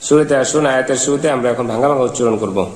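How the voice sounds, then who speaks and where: A man's voice: medium pitch, quick pace, darkish tone. A man teaching Quran reading, spelling out syllables one by one and then chanting the verses melodically. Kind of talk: slow spelled-out recitation lesson. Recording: echoey hall reverb.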